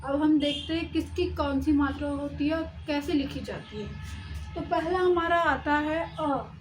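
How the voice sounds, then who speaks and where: Slow, high-voiced woman teaching Hindi. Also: a little hiss or hum, low-quality recording. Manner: slow, stops to correct herself, sounds out letters. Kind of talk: explaining a lesson on writing.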